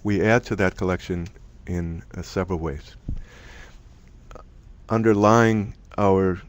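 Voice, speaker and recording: Man, middle-aged, low pitch; relaxed lecturer who talks off the cuff with restarts. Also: takes it slowly, slight background noise. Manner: conversational, thinks aloud with restarts. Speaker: presenter from a music archive. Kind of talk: online lecture presentation.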